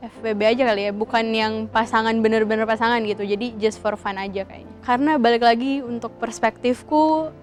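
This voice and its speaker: Woman of nineteen, high voice, tentative hedging talk, faint music. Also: steady tone, brisk, hardly any pauses. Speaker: panel guest, university student. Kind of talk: casual discussion.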